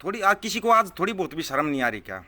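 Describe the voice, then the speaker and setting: High-pitched and sing-song, bright and forceful, a man races through an angry live political rant. As a vlogger answering his viewers' comments, he sounds scornful and heated, hammering points by repeating himself.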